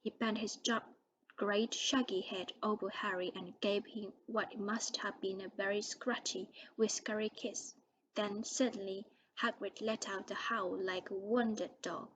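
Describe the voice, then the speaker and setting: A woman reading a storybook aloud, her voice soft and often dropping to a whisper. She stumbles now and then and restarts a word. A faint hiss runs under the recording. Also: mid-range voice, fairly even intonation, measured pace, low-quality recording.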